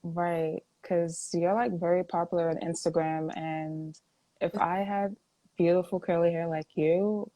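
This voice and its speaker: A woman's voice: on the low side, little pitch movement, a little slow, warm tone, dry recording, highs cut off. A young woman hosting a casual interview, upbeat and full of fillers as she introduces her guest. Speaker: host.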